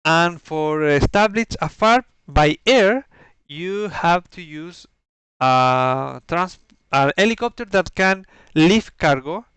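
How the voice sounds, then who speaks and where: Slow, very clear man with non-native English. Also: fairly high pitch, expressive, a bit bright, no echo. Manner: halting, searching for words, methodical. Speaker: organizer briefing players on campaign rules. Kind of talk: explanatory game briefing, partly improvised.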